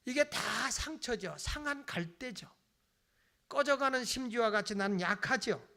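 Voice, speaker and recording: High, gravelly, animated Korean pastor preaching. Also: male voice, unhurried. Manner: animated preaching, acts out congregants' excuses; swings from loud emphasis to near-whisper. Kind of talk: sermon.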